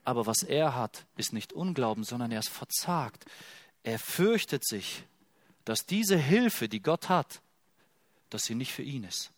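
Expressive German-speaking preacher man, dry sound. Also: medium pitch, a little slow, no echo. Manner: expressive, swings from hushed to loud when quoting. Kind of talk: sermon.

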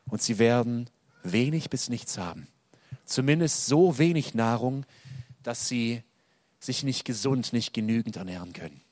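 Man preaching with loud and soft swings. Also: mid-range voice, lively intonation, unhurried, dry recording. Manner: dynamic preaching, loud emphatic peaks dropping to soft quiet lines. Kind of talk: sermon.

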